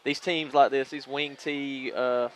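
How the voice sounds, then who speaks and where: Steady, flat-voiced color commentator. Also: male voice, mid-range voice, unhurried, a little hiss or hum, rough recording. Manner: laid-back, steady, chuckling. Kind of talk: local radio football color commentary.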